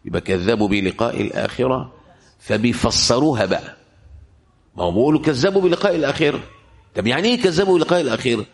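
A man with an Egyptian Arabic accent giving a religious lecture, firing rhetorical questions at listeners and slowing down to recite verses. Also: medium pitch, lively intonation. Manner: rhetorical questions, shifts into slow Quran recitation. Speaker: preacher.

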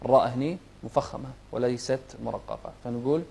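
A man teaching Quran recitation, patiently correcting mistakes and demonstrating each verse in a slow chant. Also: medium pitch, vocal fry, a little mellow, slightly rough. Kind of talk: recitation lesson, chanting verses for children to repeat.

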